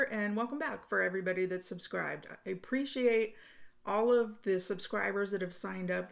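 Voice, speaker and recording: A woman with a somewhat low, gravelly voice that has plenty of fry. She hosts her own hobby channel and talks in a casual, friendly way, with a few ums as she goes through her updates. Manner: chatty and friendly, with frequent ums. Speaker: cross-stitch channel host. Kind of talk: casual vlog progress update.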